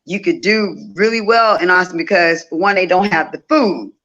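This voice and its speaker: Her voice sits on the low side and is a bit bright, moving at a moderate pace over dull audio. She's a woman in her 50s from Louisiana, a festival organizer being interviewed, telling stories conversationally and repeating phrases to stress them.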